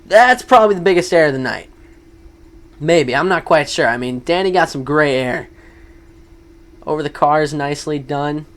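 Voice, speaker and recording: A man with a notably high voice calls a monster truck event play by play. He hypes each move with energy and drops quick asides between stunts. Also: lively intonation, a bit bright. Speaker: lead commentator for a simulated monster truck event. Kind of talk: excited play-by-play commentary.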